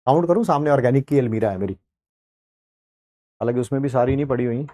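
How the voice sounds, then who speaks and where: A male chemistry teacher with an Indian accent runs an online class, chatting straight to his students and slipping English terms into his talk. His voice sits at an ordinary middle pitch. The sound is dry and close, with no room echo. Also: expressive, fast, warm tone.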